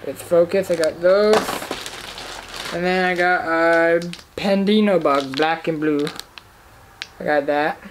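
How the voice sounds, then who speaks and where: At home in his living room, a young adult fishing vlogger shows off tackle he bought in a casual haul show-and-tell. He talks haltingly and rambles, repeating himself with many fillers, in a slightly high voice with fairly even intonation. The recording is rough, with slight background noise.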